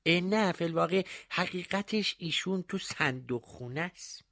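Man playing a flustered, bright-voiced village baker. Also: sits high, expressive, dry recording, studio quality. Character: nervous male village baker, eager to please.

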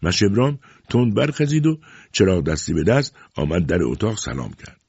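A man narrating a novel aloud in an expressive storytelling manner. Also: low-pitched, vocal fry, husky, no room sound. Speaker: audiobook narrator. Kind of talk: scripted narration. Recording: dull lo-fi recording.

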